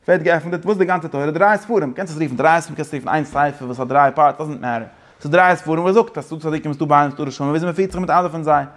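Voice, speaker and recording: A man's voice: on the high side, quick pace. A man teaching a Torah class, switching between English phrases and his main language, with frequent restarts.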